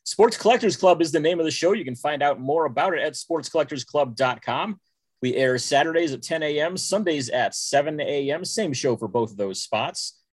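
Smooth radio-voiced podcast co-host man. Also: a little high, expressive, no echo. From Dallas, Texas, US. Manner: smooth radio-announcer delivery, measured. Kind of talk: casual podcast chat.

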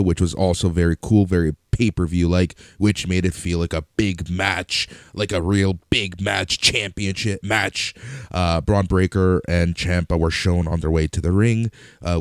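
A man co-hosting a casual wrestling podcast, recapping the show with dry, deadpan jokes. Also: sits low, no echo. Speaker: podcast co-host.

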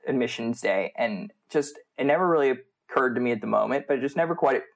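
A mid-range, expressive voice with some creak comes from an American man speaking fast. As an MBA student guesting on a podcast, he answers interview questions casually, like a conversation.

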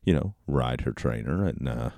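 A man hosting a podcast solo in a casual, rambling way, with halting, informal delivery. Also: rumbling low, animated, vocal fry, mellow, dry recording, clean studio sound. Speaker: podcast host. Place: basement office at home. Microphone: close podcast microphone.

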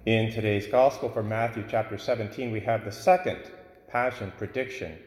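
Male priest, measured homily, fairly low voice, cathedral echo, roomy church reverb. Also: steady tone, a little mellow. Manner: measured, explanatory preaching. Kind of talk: liturgical reading and homily. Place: large church. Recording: echoey church with long reverb.

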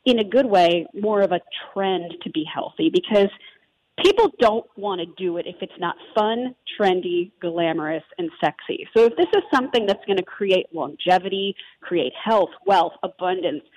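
A New Jersey woman in her thirties, a holistic health advocate, talks eagerly as an interview guest, rambling with fillers and asides. Her mid-range voice is darkish with lively intonation at a moderate pace, and the recording is rough.

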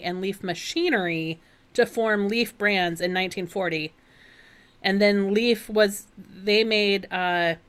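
A woman co-hosting a podcast, laying out facts in an unhurried, casual way. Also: medium pitch, a bit bright. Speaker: podcast co-host. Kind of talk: casual chat.

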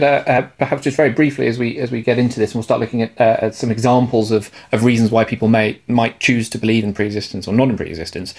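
A man's voice: medium pitch, slightly rough. A man hosting a podcast discussion, chatty and full of fillers and restarts. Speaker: podcast host.

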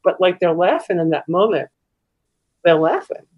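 A woman who works as a hospital chaplain, telling stories in an interview in a lively, candid way, laughing often and sometimes breaking into off-key singing. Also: lowish voice, moderate pace, breathy edge, narrow, tinny audio.

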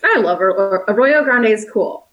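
A woman in her late twenties, originally from South Africa, talks as an interview guest. She is chatty and upbeat, with plenty of "like" and "um" in her speech. Her voice sits at a middle pitch for a woman. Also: expressive, moderate pace, muffled recording. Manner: chatty and upbeat, lots of "like" and "um", laughs easily. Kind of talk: casual conversational interview.

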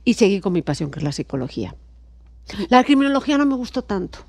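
A woman's voice: mid-range voice, fast, dry recording. A middle-aged woman from Spain with a Spanish accent, a guest psychologist telling stories expressively in casual podcast chat. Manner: lively, expressive storyteller, laughs often.

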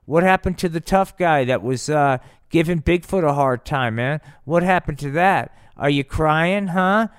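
A man's voice: medium pitch, steady tone, moderate pace, few pauses, clean tone, lightly acted. A man voicing Bigfoot as a slangy, evasive slacker who repeats himself and stammers. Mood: mocking. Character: put-upon, taunting, evasive male Bigfoot, slacker buddy.

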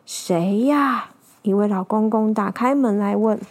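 A woman telling a children's story, animated and asking her young listeners to join in. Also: medium pitch, normal speed, noisy background.

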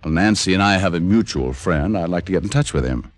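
A man's voice: low-pitched, lively intonation, fast. An actor playing a wry, tough male private detective in an old radio drama, with dry wisecracks and hard-boiled narration. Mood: wary.

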